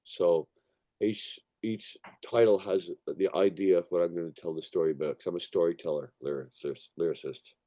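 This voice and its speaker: A deep, dark-toned male voice with fairly even intonation, at normal speed. The speaker is a musician, songwriter and record producer rambling through stories in a casual interview, sweary and emphatic, repeatedly tossing in "you know" and "right" to make sure he's followed.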